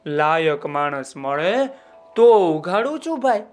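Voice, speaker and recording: Man plays smooth-talking flatterer, fawning, sly, slow storybook delivery. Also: soft background music. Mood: flattering. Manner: flattering, high drawn-out welcomes. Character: sly flattering pot-bellied man by a river.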